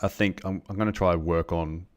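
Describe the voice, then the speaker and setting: A man on a live trading stream, explaining chart setups to viewers in a halting way, with many restarts and ums. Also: deep voice, fairly even intonation.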